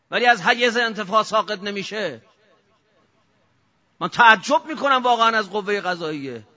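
A male cleric gives an impassioned political sermon, firing off rhetorical questions and swinging between shouting and low, intense speech. The recording is dull and lo-fi.

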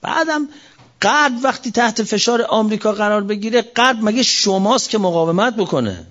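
A man's voice: lively intonation, a bit bright. Fervent male preacher, lo-fi sound. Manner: fervent, with sudden rises and drops in pitch; recites scripture verses slowly. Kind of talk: impassioned sermon. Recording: dull lo-fi recording.

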